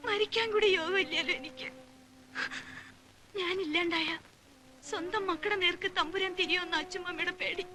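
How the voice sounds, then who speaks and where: A woman's voice: very high voice, steady tone, normal speed, pauses often. A tearful, despairing young woman. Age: young adult. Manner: weary, tearful pleading. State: crying. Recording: film soundtrack with music behind.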